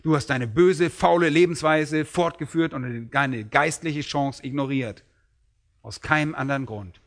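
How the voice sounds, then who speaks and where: Man, preacher, sermon, emphatic, slightly high pitch. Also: measured pace, vocal fry. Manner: emphatic, rising sharply when quoting the master.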